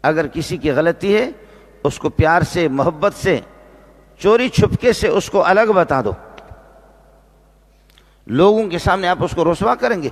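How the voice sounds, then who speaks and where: Male preacher, high pitched voice, repetitive emphatic delivery, long hall reverb. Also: lively intonation. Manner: repetitive, slows down to stress key phrases. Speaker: Islamic preacher and teacher. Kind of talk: religious sermon.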